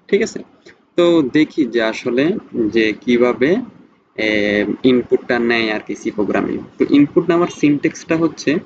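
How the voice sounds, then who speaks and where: A young man teaching programming in a casual tutorial, pausing often and checking in with rhetorical questions. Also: medium pitch. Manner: many hesitations, rhetorical questions, repeated "thik ache?". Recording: slightly dull sound with faint noise.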